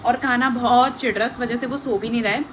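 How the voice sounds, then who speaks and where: A woman's voice: on the high side, steady tone, fast, a bit bright. Irritated young woman ranting at home. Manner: irritated and ranting, half laughing. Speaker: family vlogger. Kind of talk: live vlog filmed at home. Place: at home beside a window facing a road. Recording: noisy home recording with road noise.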